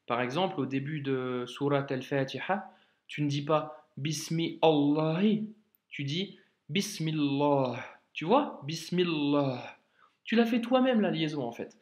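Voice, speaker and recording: A man teaching Arabic reading in a video lesson, patient and repetitive, often checking the viewer follows. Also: on the high side. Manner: patient, repeats words slowly, frequent check-ins.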